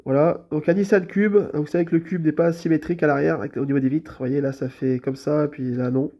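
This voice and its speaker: Man with a stuffy nose, chatty and mellow. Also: fairly high pitch, fairly even intonation, fairly quick. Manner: easygoing, chatty, full of hesitations and repeated fillers. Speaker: toy car collector presenting his collection. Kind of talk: casual show-and-tell vlog.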